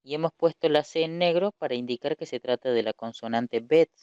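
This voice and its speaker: Man teaching a slow, methodical lesson. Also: a little high, darkish tone, smooth, no room sound, dull audio. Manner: patient, explanatory, poses questions then answers them. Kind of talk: recorded language lesson.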